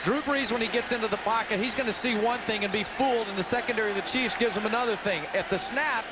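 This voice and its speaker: Guy breaking down football plays, chatty, high voice, loud stadium racket. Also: fast talker. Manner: conversational, explanatory. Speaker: color analyst. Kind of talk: live football analysis. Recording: loud stadium noise behind broadcast. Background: crowd and stadium noise.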